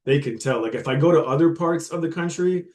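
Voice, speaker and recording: A man with a somewhat high, slightly fast and a little mellow voice gives an informal guest lecture to university students. He talks conversationally, full of fillers and repeated words, and pauses to explain terms plainly.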